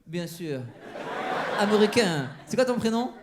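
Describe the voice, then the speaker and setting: A man's voice: high voice, expressive, a little slow, background noise. A man doing stand-up crowd work on a comedy club stage, teasing the audience with mock-outraged banter. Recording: live show with crowd laughter.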